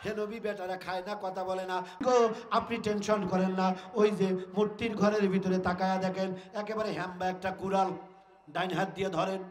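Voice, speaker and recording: A man from Bangladesh with a northern Bangladeshi Bengali accent, preaching a storytelling sermon. He acts out scenes in rustic dialogue, chants verses in long melodic lines and shouts to the crowd. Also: sits high, flat delivery, moderate pace, a little hiss or hum.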